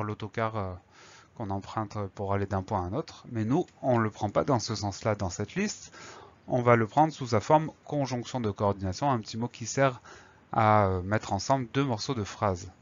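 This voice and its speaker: A man's voice: fairly low pitch, normal speed, lo-fi sound. A man teaching a spelling lesson, spelling words out letter by letter and explaining each one patiently before a dictation.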